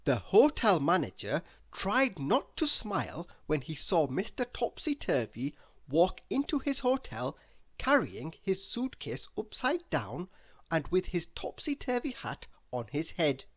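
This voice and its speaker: A man reads a children's story aloud with expressive, deliberate delivery in a fairly high voice. It's scripted narration for young listeners.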